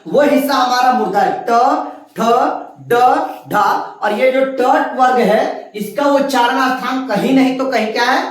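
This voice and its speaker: Patient woman teacher sounding out letters one by one, voice heard from a distance in a booming, echoey room. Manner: patient, explains step by step, sounds out letters slowly. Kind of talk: classroom lesson.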